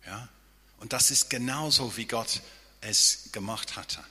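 A male pastor delivers a sermon in a slow, unhurried cadence, his voice very bright and edged with a husky grain. He speaks earnestly and keeps turning to the congregation with a questioning "ja?". The sound carries a long reverb from a church hall. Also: mid-range voice. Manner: earnest, often checks in with listeners with a questioning "ja?".

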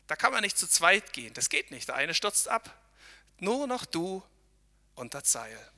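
Earnest male preacher, talks straight to the listener, sharp and tense tone, a long ringing echo. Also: on the high side, big pitch swings, measured pace. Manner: earnest, addresses listeners directly with tag questions. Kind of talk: devotional talk while hiking. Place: outdoors on a mountain trail.

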